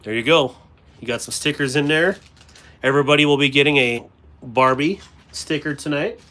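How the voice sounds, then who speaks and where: A man's voice: a little high, normal speed, pushed and bright. Rambling man chatting on a livestream. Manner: rambling, talks to chat while sorting items. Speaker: livestream host. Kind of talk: casual live-stream chat. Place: indoors at a cluttered workspace.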